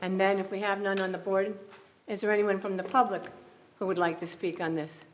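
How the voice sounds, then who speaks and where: A woman runs a public school board meeting from the chair, speaking at an ordinary middle pitch. She reads formal resolution wording and calls for motions, now and then stumbling and restarting a phrase. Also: little pitch movement, a little fast, a little hiss or hum. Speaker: board of education presiding officer.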